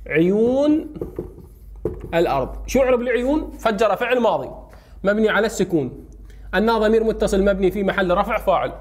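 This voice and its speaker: A man with an Iraqi Arabic accent teaching a grammar lesson, firing quick questions at students and answering them himself. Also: high voice.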